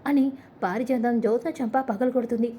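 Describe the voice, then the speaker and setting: A woman narrating a TV serial episode in a quick, plain storytelling manner. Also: on the high side, fairly even intonation, warm tone, a little hiss or hum.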